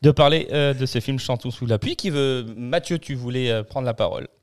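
A man's voice: mid-range voice, fairly quick. A man with a noticeable accent hosting a casual film podcast in French, cheerful and welcoming. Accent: non-local French accent. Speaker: podcast host.

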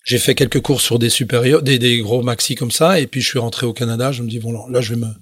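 Middle-aged French sailor guest, halting and rambling, dry studio mic. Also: male voice, mid-range voice, fairly even intonation, breathy edge, dry recording. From France. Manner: rambling, many fillers and restarts. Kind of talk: casual interview storytelling.

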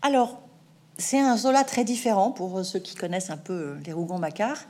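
A middle-aged woman novelist answering interview questions in a thoughtful, measured way, with hesitant restarts. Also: mid-range voice, dark tone. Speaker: novelist guest.

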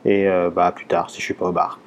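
A man's voice: sits low, flat delivery, fast talker. A man leaving a brief, friendly voice message for a podcast. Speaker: listener caller.

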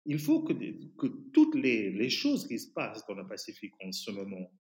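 A man speaking French with a foreign, English-influenced accent, giving an impassioned interview in an emphatic but halting way, searching for words. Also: lowish voice, wildly swooping pitch, a little mellow. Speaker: podcast guest, activist. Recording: roomy, echoing sound.

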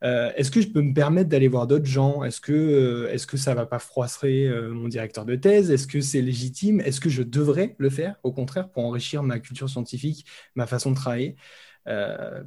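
A young man speaks spontaneously as an interviewed researcher, thinking aloud with frequent pauses and hesitations. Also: medium pitch, warm tone. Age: young adult. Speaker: young researcher and podcast co-host, interview guest.

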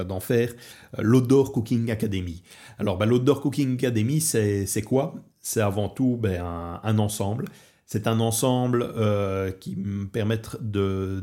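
In Portugal, a podcast host from Belgium who also teaches barbecue chats casually about his barbecue project. He sounds low and mellow, stumbling often with "euh," filler words and false starts.

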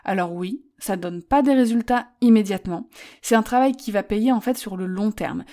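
Mellow-voiced woman hosting a podcast. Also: medium pitch. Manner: direct, addresses listener informally, frequent fillers. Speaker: podcast host. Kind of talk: solo podcast advice monologue.

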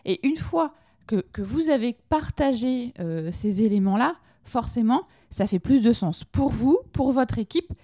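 Woman teaching in a chatty way, highish mellow voice, dry close sound. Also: expressive, a little slow, no echo. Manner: conversational, addresses listeners directly with questions. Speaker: podcast host teaching lean management. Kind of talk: informal explanatory lesson.

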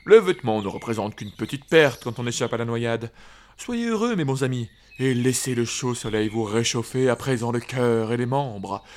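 A man voicing a jolly, booming old forest spirit who chants his commands in a loud sing-song. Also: lively intonation, normal speed, lightly acted. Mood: commanding chant.

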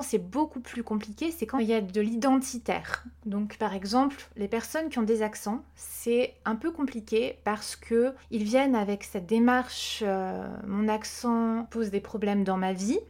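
A woman who works as a vocal coach, explaining her ideas in a relaxed interview with frequent hesitations. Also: fairly high pitch. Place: podcast recording.

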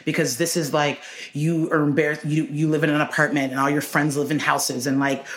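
A woman from Houston talking candidly as a podcast guest, loose and animated, full of "like" and casual swearing. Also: low voice, brisk. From Houston, Texas. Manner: loose and animated, heavy filler "like", swears freely.

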